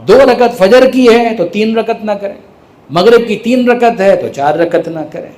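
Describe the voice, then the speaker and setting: A man's voice: high-pitched, a little mellow. A man with a Pakistani Urdu accent giving a sermon in a mosque hall, posing rhetorical questions and using everyday examples. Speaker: Shia cleric giving a majlis sermon.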